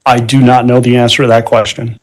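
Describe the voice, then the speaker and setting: A man's voice: medium pitch, level tone, brisk. Hesitant male detective on the witness stand. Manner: polite, formal, brief answers. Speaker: police detective witness testifying. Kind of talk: courtroom testimony.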